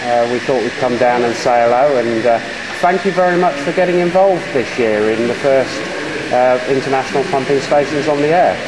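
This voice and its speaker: A man's voice: mid-range voice, fairly even intonation, a little fast, a crowd in the background, rough recording. A man chatting in a rambling way as an amateur radio operator during a radio contact. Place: working pumping station beam room. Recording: clear background noise from machinery room.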